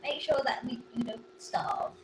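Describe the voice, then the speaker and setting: A woman's voice: high-pitched, measured pace, background noise. A woman player talking hesitantly in a tabletop game. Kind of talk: casual tabletop game chat. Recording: roomy with music behind.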